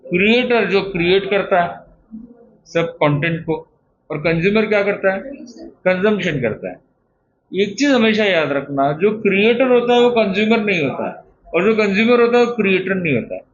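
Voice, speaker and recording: A man with a high voice delivers a motivational discourse, asking rhetorical questions and answering them himself. His talk is plain and conversational. The recording is dull and lo-fi, with faint noise underneath. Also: animated, normal speed. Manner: plain conversational mix of Hindi and English words. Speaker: speaker giving a motivational talk.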